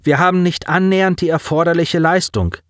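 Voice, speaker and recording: A man's voice: fairly high pitch, steady tone, brisk, a bit bright, no room sound, clean studio sound, pitched above the performer's own voice, natural voice. A man voicing a dutiful male petty officer giving clipped reports on a starship bridge. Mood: worried.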